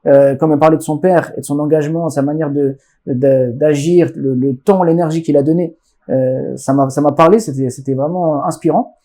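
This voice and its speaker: A man from France telling stories as a podcast guest in a casual, animated way, often restarting phrases and acting out dialogue. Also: fairly high pitch, normal speed. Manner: animated, many restarts, acts out quoted dialogue. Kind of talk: casual conversational storytelling.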